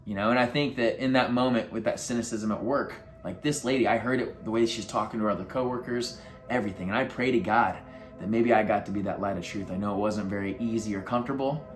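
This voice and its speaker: A fast-talking man with a fairly low voice offers motivational advice to camera as a life coach, earnest but loose and casual. He uses many fillers while addressing the viewer directly, with faint background music.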